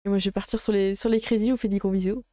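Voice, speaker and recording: A woman game master chatting casually as she wraps up a live stream, halting often with fillers. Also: mid-range voice, steady tone, mellow, dry recording, clean studio sound.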